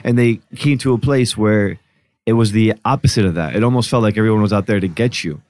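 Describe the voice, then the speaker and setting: A man's voice: on the low side, quick pace, darkish tone, dry recording. A man from New Jersey, a podcast guest, talking casually and reflectively about his upbringing with frequent "like" fillers. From Newark, New Jersey, US. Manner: reflective, storytelling, many "like" fillers. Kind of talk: casual conversation.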